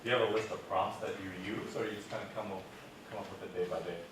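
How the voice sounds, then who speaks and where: A man's voice: on the low side, steady tone, fast talker, fairly bright tone. A man in the audience asking polite, orderly questions at a conference session. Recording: distant, very echoey hall, clear room noise.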